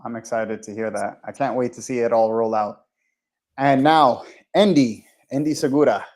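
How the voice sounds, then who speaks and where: Male podcast host, casual and encouraging, mid-pitched. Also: steady tone, normal speed, darkish tone. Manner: enthusiastic, encouraging. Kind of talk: casual conversation.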